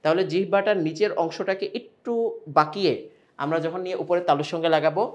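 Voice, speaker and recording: A man's voice: on the high side, steady tone, fast talker. A man with a Bangladeshi Bengali accent teaching Quran pronunciation step by step, stretching out sample sounds between explanations.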